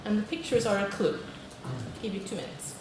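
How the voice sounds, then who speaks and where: Loud music plays behind this British woman's medium-pitched, expressive, brisk voice as she gives a friendly conference presentation in a large hall. A teacher trainer, she polls the audience and often says "okay." The audio is echoey, noisy and captured from a distant mic.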